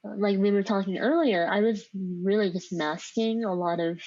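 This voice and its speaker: The audio is dry and dull as a woman with a medium-pitched, slightly mellow voice talks at normal speed. A podcast guest with a speech impediment, she was born in Vietnam, grew up in the United States, and relates her personal story informally and reflectively, using "like" often.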